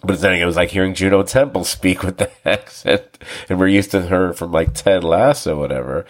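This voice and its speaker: A man's voice: low voice, normal speed. A man co-hosting a TV review podcast, rambling casually with restarts, laughing often and acting out quoted lines. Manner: acts out quoted lines with animated voices. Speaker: podcast co-host.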